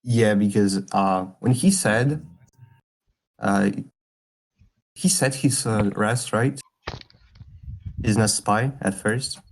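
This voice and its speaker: A man explaining his reasoning in an online game, hesitant with many pauses. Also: on the low side. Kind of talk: casual game chat.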